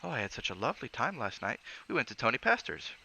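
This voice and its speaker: Male reader as a chatty young model, bubbly, bright voice with gravel underneath, storybook reading. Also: medium pitch, sing-song, fast talker, slight background noise, exaggerated voice. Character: young woman artist's model, cheerful chatterbox. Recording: dull lo-fi audio.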